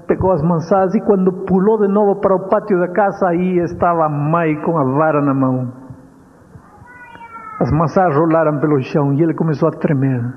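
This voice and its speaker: A male preacher telling a story in a sermon, dramatic and drawing out key words slowly. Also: high voice. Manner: dramatic, with slow deliberate stretches. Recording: dull radio sound with long hall reverb.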